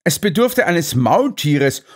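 A man's voice: on the high side, big pitch swings, takes it slowly, pitched above the performer's own voice, exaggerated voice. A man voicing an earnest, indignant doctor companion in an audiobook. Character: earnest, put-upon male doctor companion.

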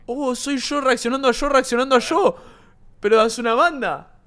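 A young man with a Rioplatense accent chats loosely through a stream reaction. His voice sits high and comes out bright and crisp, with plenty of casual swearing. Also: normal speed. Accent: Rioplatense Spanish. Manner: loose, chatty, swears a lot.

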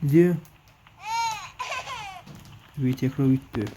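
A man talking over a horror game in crude, exasperated bursts, then drawing out slow mock fairy-tale lines. His voice sits at a middle pitch. A faint hiss runs underneath. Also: fairly even intonation. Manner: swearing, exasperated, playful mock storytelling. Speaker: gamer. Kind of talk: comedic horror gameplay commentary.

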